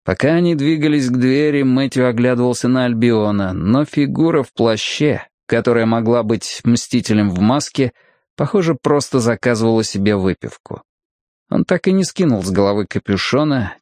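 A man narrating an audiobook in a steady, even storytelling manner. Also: mid-range voice, moderate pace, no echo, studio quality. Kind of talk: scripted narration.

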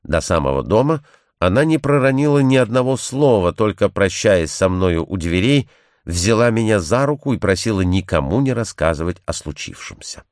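Timid young woman recounting a secret, earnest and measured, lively intonation; male reader doing her. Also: on the low side, no room sound, clean studio sound.

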